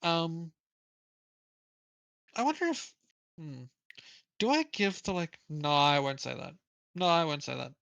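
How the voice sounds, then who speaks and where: Rambling co-host on a dry stream mic. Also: male voice, fairly high pitch, expressive, unhurried, creaky, pauses often, a bit bright, smooth, no echo. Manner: rambling, laughs at own slips, many fillers. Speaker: book club co-host. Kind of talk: casual live-stream chat.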